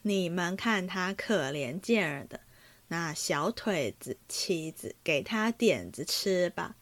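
A woman reading aloud, voicing a genial, indulgent elderly grandmother who heads a great household, dropping her voice lower. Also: lively intonation, takes it slowly. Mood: amused.

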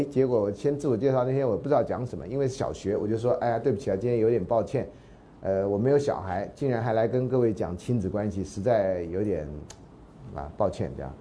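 A man's voice: on the low side, warm tone, slight background noise. A man with a Taiwanese Mandarin accent giving a university lecture, telling anecdotes in a chatty way, acting out the dialogue and often asking his listeners whether they follow. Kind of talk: storytelling lecture.

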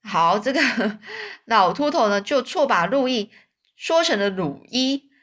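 A woman retells a classic children's story in a loose, spoken way. She pauses to explain words and restarts her sentences often. Her voice is a little high. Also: sing-song, fairly bright tone.

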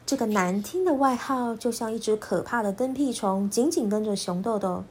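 A woman storyteller narrating a children's storybook in an expressive, lilting voice. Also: on the high side. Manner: expressive, lilting, slow and clear.

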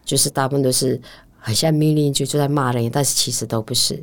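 A woman's voice: very deep voice, steady tone, fast talker, background noise. A woman with a Taiwanese Mandarin accent, a language teacher explaining things as a guest in a casual interview and often affirming with short interjections.

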